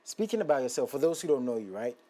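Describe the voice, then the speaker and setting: Man, talk show host, casual chat, encouraging, friendly, mid pitch. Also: big pitch swings, quick pace, mellow. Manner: friendly, encouraging, calls guest bro. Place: Ghana studio.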